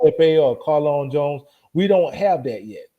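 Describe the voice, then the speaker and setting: A man's voice: fairly high pitch, lively intonation, normal speed, lo-fi sound. A man hosting a casual football livestream, laid back and asking his co-hosts questions. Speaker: livestream host.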